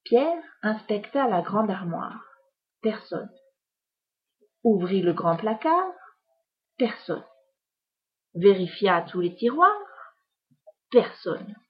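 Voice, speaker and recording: Woman storyteller, soft husky narration, unhurried, dull recording. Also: mid-range voice, sing-song. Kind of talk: storybook reading aloud.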